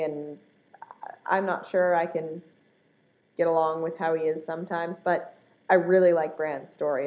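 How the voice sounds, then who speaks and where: A woman's voice: fairly low pitch, darkish tone. A woman chatting casually and hesitantly, thinking aloud as she answers a list of fan questions. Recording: dull, lo-fi home recording.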